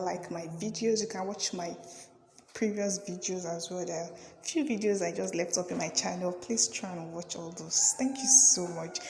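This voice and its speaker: A woman's voice: lowish voice, darkish tone, a little hiss or hum. A young woman vlogger talking casually to camera about her sewing project, chatty and effusive, urging viewers to like and subscribe. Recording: echoey room with long reverb.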